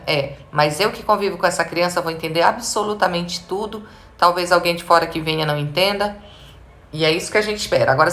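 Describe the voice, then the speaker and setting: A woman speech therapist with a Brazilian Portuguese accent gives parents a live advice talk. Her voice is on the low side with a fairly bright tone, and she speaks emphatically, putting direct rhetorical questions to them.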